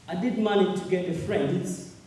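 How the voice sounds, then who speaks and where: A man from Uganda, in his thirties, giving earnest, halting personal testimony at a public meeting and repeating words as he goes. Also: sits high, steady tone, warm tone. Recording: echoey hall from far off.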